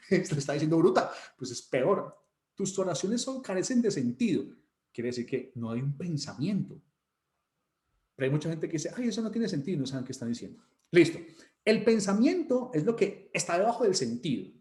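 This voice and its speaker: Man, Colombian Spanish accent, teacher, joking, lively swooping voice, a bit high, echoey room. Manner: joking, animated, mocks students with put-on voices. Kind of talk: online class lecture.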